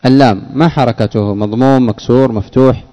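Male grammar teacher, mellow low voice. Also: fairly even intonation, a little fast, muffled recording. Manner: quizzing students by name, explaining patiently. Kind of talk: classroom lesson with questions to students.

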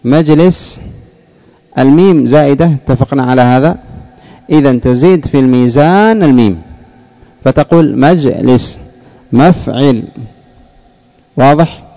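Mellow-voiced male teacher quizzing students. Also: medium pitch, highs cut off. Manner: slow, repeats words, quizzes students. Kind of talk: classroom grammar lesson.

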